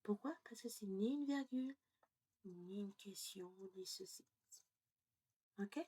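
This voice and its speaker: A woman teaching French pronunciation in a casual lesson, explaining step by step, often dropping to a breathy half-whisper and checking in with "ok?". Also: medium pitch, warm tone. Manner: slow, deliberate delivery.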